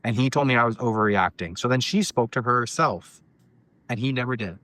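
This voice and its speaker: A man's voice: medium pitch, fairly quick, fairly bright tone. A man co-hosting a podcast, chatting casually about online stories and teasing with sarcastic jokes. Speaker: podcast co-host.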